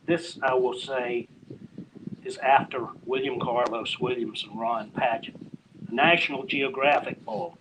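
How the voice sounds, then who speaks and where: An older man at an open mic, slowly and hesitantly introducing his short poems before reading them. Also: medium pitch, steady tone, background noise. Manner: slow, rambling, hesitant.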